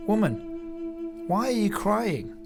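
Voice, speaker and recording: A man playing a calm, gentle teacher who speaks in a measured way, in an audio drama. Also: high voice, gravelly, music in the background, full character voice.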